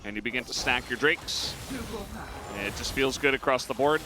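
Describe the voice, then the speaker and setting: A young man giving live esports color commentary, animated and quick to laugh at the banter. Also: medium pitch, music in the background. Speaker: esports caster.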